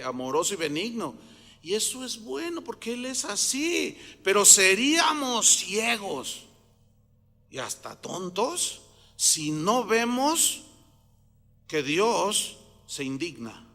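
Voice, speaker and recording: A man's voice: sits high, bright, forceful tone, big-room sound. A man preaching a sermon with emphasis, often putting questions to the congregation. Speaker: pastor.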